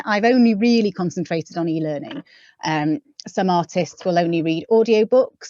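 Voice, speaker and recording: A woman's voice: on the low side, dry recording. A woman talks shop about voiceover work in an easy, chatty webinar manner. Her audio is dry and close, with the slightly dull, lo-fi sound of an online call. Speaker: voiceover artist and webinar co-host. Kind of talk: casual webinar talk. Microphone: audio-only call microphone.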